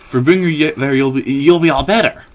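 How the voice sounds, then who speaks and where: A man voicing a tough, brash female monster teen from a game, talking loud and blunt. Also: medium pitch, quick pace, pitched above the performer's own voice, lightly acted, poor audio. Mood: pleading. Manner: loud, blunt, shouting bursts.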